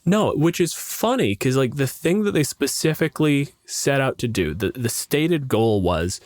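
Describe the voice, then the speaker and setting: Recorded dry and close with no echo, this mid-pitched man speaks casually yet animatedly at a measured pace. As an opinionated podcast co-host, he's blunt and liberally profane while debating the rules of tabletop games.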